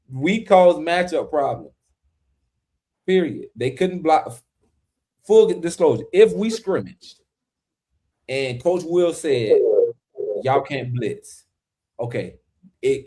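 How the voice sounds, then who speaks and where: A man in his forties who used to play football tells stories in loose podcast chat. He gets animated and emphatic, with sudden punchy outbursts. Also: fairly high pitch, slow, long pauses. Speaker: podcast co-host, former pro football player. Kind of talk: casual chat.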